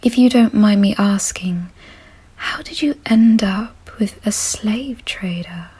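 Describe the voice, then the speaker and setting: A woman voicing a gentle, refined, doting vampire mistress in a soothing, softly possessive ASMR roleplay whisper. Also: medium pitch. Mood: soothing sympathy. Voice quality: breathy, husky whisper.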